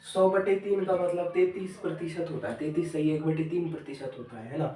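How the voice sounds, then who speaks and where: Speaking a little fast with a warm, slightly high voice and fairly even intonation, a male teacher explains a maths lesson step by step. He repeats each step, asks the children questions, and calls them children; the room echoes and he's far from the mic.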